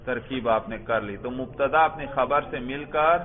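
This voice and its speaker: Man teaching grammar over a tinny line. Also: medium pitch. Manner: drills students step by step and praises answers. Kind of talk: classroom grammar lesson with questions to students. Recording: tinny phone-like sound.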